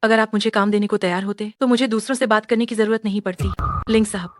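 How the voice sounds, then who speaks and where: A woman's voice: medium pitch, steady tone, fast, dry recording, studio quality, close to an everyday voice. An actress playing an earnest, determined young woman doctor in a Hindi drama dub.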